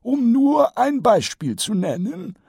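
A pompous old archchancellor wizard. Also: male voice, very high-pitched, very animated, vocal fry, mellow, husky, no echo, clean studio sound, voice pushed up, full character voice. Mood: lecturing. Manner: slow, drawn-out, cheerfully lecturing.

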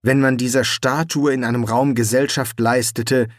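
A narrator reading a fantasy audiobook in measured, expressive storytelling. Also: medium pitch, dry recording, clean studio sound. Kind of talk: scripted narration.

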